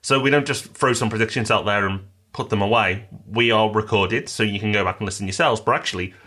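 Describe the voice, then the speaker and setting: A British podcast co-host speaks fast in a lowish, bright, forceful voice. The chat is casual and upbeat with a promotional angle, and he reads listener mail aloud, including a review.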